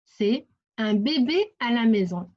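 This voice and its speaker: A woman teaching a reading lesson to young children, sounding out syllables and repeating words slowly and deliberately. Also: a little high, animated. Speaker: primary school teacher. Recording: dull lo-fi recording.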